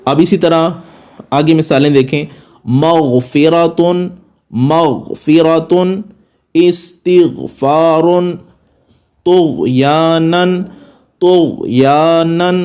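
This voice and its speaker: A man teaching Quran recitation rules, patiently explaining and slowly reciting model Arabic sounds and words. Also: fairly high pitch, darkish tone. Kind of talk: slow recorded tajweed lesson.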